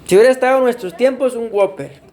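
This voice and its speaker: A man's voice: extremely high pitch, fast, a little mellow. A man preaching a sermon as pastor, often addressing his congregation as beloved brothers and putting questions to them. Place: church.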